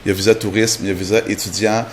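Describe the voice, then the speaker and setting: A man's voice: fairly low pitch, little pitch movement, very fast. Man, TV guest, explains step by step with restarts, faint background noise. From Canada. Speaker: guest, immigration trainer. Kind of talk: TV interview answers.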